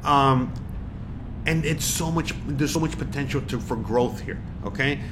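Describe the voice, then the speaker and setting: A man's voice: medium pitch, a little slow, noisy background. A man in his forties from Miami, talking in a casual vlog monologue, rambling and emphatic with lots of fillers. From Miami, USA. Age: 40s. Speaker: vlogger.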